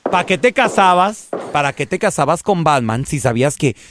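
A man's voice: on the high side, sing-song, normal speed, heavy background noise. A man playing a flamboyant Robin from Chihuahua who wears heels and gossips with the couple. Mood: soothing. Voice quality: playful, sassy, teasing.

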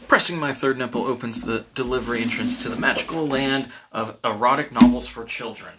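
A man's voice: mid-range voice, a little fast, music in the background. A man chatting casually over a card game, reading cards aloud and laughing often.

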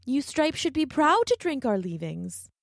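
Vain storybook giraffe, high and condescending, as a woman puts her on, dry close take. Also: sing-song, measured pace, gravelly, dry recording, heavily acted. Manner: lofty, condescending.

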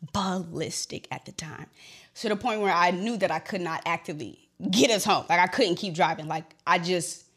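A young woman telling a personal story to the camera, emotional, her voice getting shaky and swinging between loud and hushed. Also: fairly low pitch.

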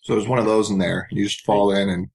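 A man's voice: on the low side, fairly even intonation, fast, gravelly, a little mellow. A man on a podcast panel, chatting casually and telling playful, jokey stories.

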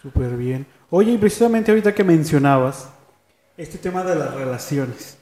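A man's voice: on the high side, animated, normal speed, mellow, reverberant. A man hosting an interview, asking questions with short, supportive acknowledgements. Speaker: host.

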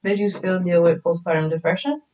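A woman's voice: on the low side, steady tone, fairly quick, a little mellow. A woman in a casual conversation, asking short questions and adding agreeing remarks. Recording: distant, muffled mic with faint noise.

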